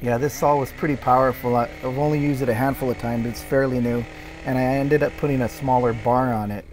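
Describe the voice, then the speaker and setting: A man's voice: mid-range voice, steady tone, fairly quick, darkish tone, a little hiss or hum. A middle-aged man giving casual, explanatory voice-over commentary on his own work video, with frequent fillers and restarts. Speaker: tree care worker explaining his video.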